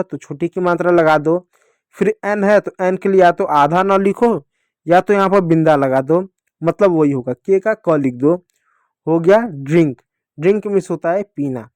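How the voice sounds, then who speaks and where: A man's voice: sits high, dry recording, studio quality. A man teaching young children to read, spelling words out letter by letter and patiently addressing them. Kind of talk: phonics lesson for young children.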